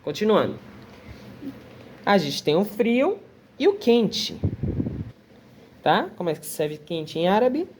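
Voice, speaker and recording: A woman's voice: mid-range voice, sing-song, slow pace, pauses often, background noise. A Portuguese-speaking woman teaching an online Arabic lesson, patiently repeating words and checking in with her students. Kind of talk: relaxed online language lesson.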